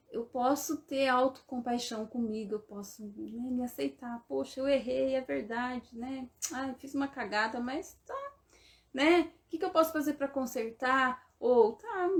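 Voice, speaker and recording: A woman with a Brazilian Portuguese accent, a therapist giving casual coaching talk and checking in with her listener through constant short tag questions. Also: sits high.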